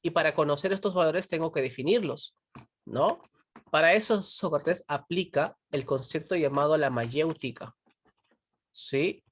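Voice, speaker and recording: Low-voiced woman teaching. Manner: constantly checks in with students, asks rhetorical questions and pushes them to answer. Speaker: philosophy teacher. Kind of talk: online pre-university class.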